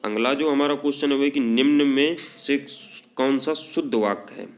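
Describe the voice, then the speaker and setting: Hindi-speaking man teaching exam spelling. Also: medium pitch. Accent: Hindi, north Indian. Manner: repeats words slowly, leans on "हमारा" filler. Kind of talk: online spelling lesson.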